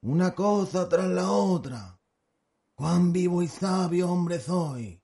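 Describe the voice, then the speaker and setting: A slow gloomy old village elder. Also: male voice, sits high, expressive, gravelly, mellow, exaggerated voice. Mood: folksy. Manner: slow rustic dialect speech. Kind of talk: audiobook radio drama acting.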